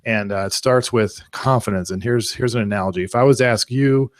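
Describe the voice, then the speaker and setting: A man presenting a live online marketing class, talking in an energetic, conversational way with analogies. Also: mid-range voice, brisk, dry recording, studio quality. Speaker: webinar presenter.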